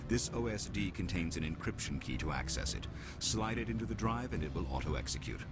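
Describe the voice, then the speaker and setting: A man's voice: deep voice, sing-song, fairly quick. An actor playing a suave, formal alien male executive in a video game, speaking politely with dry, formal diction. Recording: game audio with loud music behind.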